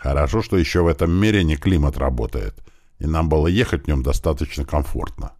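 Male audiobook narrator, very deep, dry close sound. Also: fairly quick, darkish tone, dry recording.

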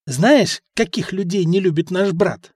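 A narrator doing a sarcastic Roman ex-officer. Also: male voice, sits high, sing-song, moderate pace, darkish tone, no room sound, pitched above the performer's own voice. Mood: scornful. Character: irritable, ironic Roman ex-officer man.

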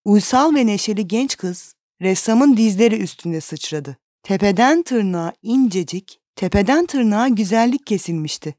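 A woman narrating a classic novel as an audiobook in a calm, measured reading. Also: medium pitch, dry recording, studio quality.

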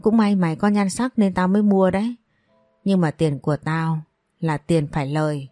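A woman's voice: fairly low pitch, steady tone, normal speed, dark tone, no room sound, faint music behind, natural voice. A woman voicing a cruel older brothel owner who talks in a mocking, threatening way. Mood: menacing.

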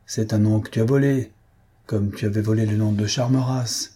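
A man voicing a mocking, vengeful English detective in an audiobook, pitched higher than his narration. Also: fairly even intonation, normal speed, warm tone, husky. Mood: sneering. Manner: mocking and aggressive.

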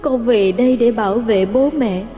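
A man voicing the gentle, sorrowful ghost of an eighteen-year-old girl, speaking softly and tenderly. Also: very high-pitched, moderate pace, voice pushed up. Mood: sad tender. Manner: soft, pleading, tender. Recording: narration with faint music, long reverb.

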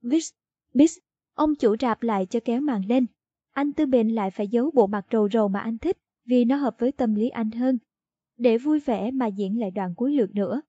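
A woman reading a short story aloud in a steady storytelling narration. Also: fairly high pitch, fairly quick, slightly rough, no echo. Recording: dull lo-fi dry audio.

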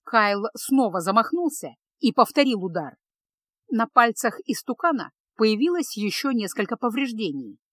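A woman narrating a fantasy story in a steady, measured reading voice. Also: a little high, husky, no echo, studio quality. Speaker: audiobook narrator.

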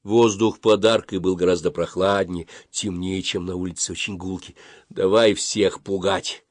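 A man reading a story aloud in an expressive, storytelling manner. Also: deep voice, normal speed, dry recording, studio quality. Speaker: narrator. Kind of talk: audiobook reading.

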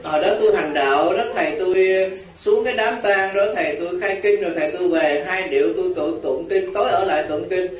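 A man's voice: high voice, quick pace, few pauses. A man, a Buddhist monk giving a humorous storytelling sermon and laughing as he goes. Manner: humorous, laughing while telling anecdotes. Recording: roomy, distant, dull hall recording with audience. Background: audience laughter.

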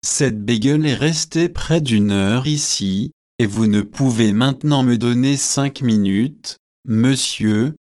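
A man's voice: mid-range voice, slow, few pauses, a little mellow, lightly acted. A man reading as a coarse, pushy intruder. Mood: indignant. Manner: insistent, indignant.

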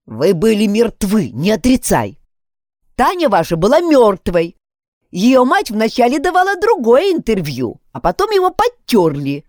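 A woman's voice: a little high, huge pitch swings, a little slow, a little mellow, no echo, clean studio sound, pitched above the performer's own voice. Woman doing a stern pushy young man. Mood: pressing.

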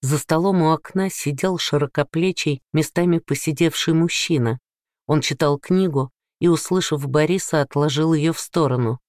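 A man's voice: a little high, moderate pace, no echo, clean studio sound. Man narrating an audiobook.

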